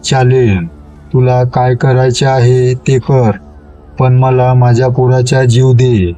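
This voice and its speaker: A man's voice: medium pitch, completely flat delivery, slow, warm tone, slight background noise, natural voice. A man voicing a desperate village father who pleads tearfully for his son's life in a spoken horror story. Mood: pleading. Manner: pleading, tearful, rural speech.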